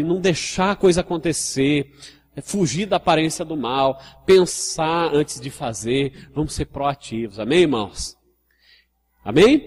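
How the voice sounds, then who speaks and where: A man's voice: on the high side, darkish tone, slight background noise. A man with a Brazilian Portuguese accent, a pastor preaching a conversational sermon who keeps checking in with the congregation. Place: church hall. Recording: church hall reverb.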